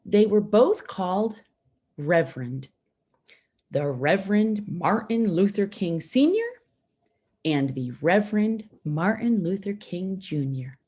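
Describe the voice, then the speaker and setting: Reading a picture book aloud for schoolkids, this woman uses a mid-range, slightly rough voice. She goes slowly and expressively, with deliberate, simple wording and pauses for the children.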